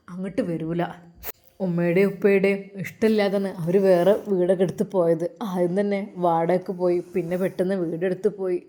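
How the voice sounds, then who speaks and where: A woman's voice: lowish voice, dark tone, close to an everyday voice. A woman voicing an earnest tearful young brother. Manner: earnest, halting and pleading. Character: grieving young man, tender loyal brother.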